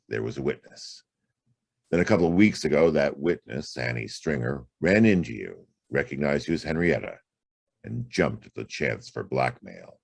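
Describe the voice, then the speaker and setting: A male actor voices a world-weary, hard-boiled private detective in a noir audio drama, delivering acting and first-person narration. His extremely low, gravelly voice is close and dry, darkish in tone, with a dry recording. Laconic and wry, he performs in a heavily acted way with wide swings in pitch.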